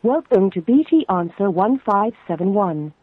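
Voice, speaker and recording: A recorded answering-service announcement, heard over a landline phone line, speaking in measured automated prompts. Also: mid-range voice, very animated, husky, no echo.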